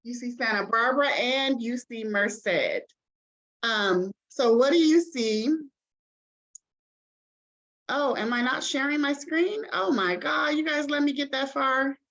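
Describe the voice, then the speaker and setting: A woman's voice: high voice, takes it slowly, fairly bright tone, muffled recording. A woman admissions representative giving an online information session over a video call, chatty and encouraging, with many ums and okays.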